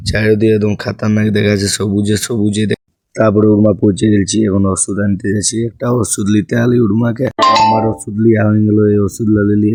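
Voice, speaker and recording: A hoarse man with a Purulia Bengali accent, narrating his day in a rambling, repetitive vlog voice. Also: on the low side, darkish tone, no room sound, clean studio sound. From West Bengal. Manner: rambling, repeats "একদম" and "সেই লেভেলের". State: hoarse, sore throat. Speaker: vlogger.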